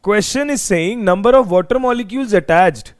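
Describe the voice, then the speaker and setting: Male teacher, North Indian accent, high voice, emphatic exam-lesson delivery with repeated phrases. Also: animated, brisk. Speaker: chemistry teacher. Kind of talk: live exam revision lesson.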